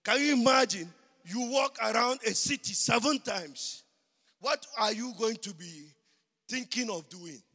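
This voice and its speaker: Male pastor, high gravelly voice, slow sermon, shouts, winded, reverberant hall. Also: animated. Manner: slow, drawn-out preaching that builds to shouting. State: out of breath.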